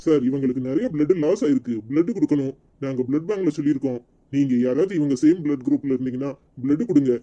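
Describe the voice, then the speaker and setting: A man voicing a brisk hospital doctor who lectures his staff, with a Tirunelveli Tamil accent. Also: on the high side, warm tone, close to an everyday voice. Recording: dull lo-fi recording.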